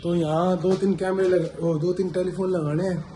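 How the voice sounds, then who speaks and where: Filming at job sites, this CCTV installer and vlogger talks to viewers in a chatty, informal way, walking them through what he's doing. His fairly high voice carries a flavour and sounds mellow, with little pitch movement and a normal pace. Traffic and other on-site noise come through clearly.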